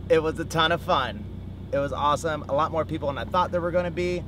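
A young man in his twenties vlogging casually to a handheld camera, relaxed and joking, in his car and a parking lot. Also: fairly high pitch, fast, noisy background. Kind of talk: casual vlog chat. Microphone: handheld camera at arm's length.

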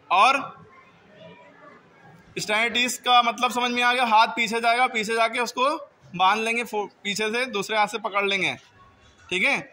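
A man's voice: extremely high pitch, pushed and bright, a little hiss or hum, poor audio. A male school teacher explaining drill positions to students step by step, often checking if they understand. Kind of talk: classroom drill instruction.

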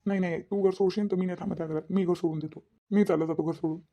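A woman's voice: fairly low pitch, fairly even intonation, rapid-fire, highs cut off. A woman voicing a devoted young adult son in a cartoon, with an insistent, pleading manner. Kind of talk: cartoon voice acting.

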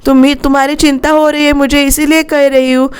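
A worried young wife, coaxing and pleading with a husband who shuts her out, as a narrator quotes her. Her lines come high and a little slow in a TV serial retelling. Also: little pitch movement, lightly acted.

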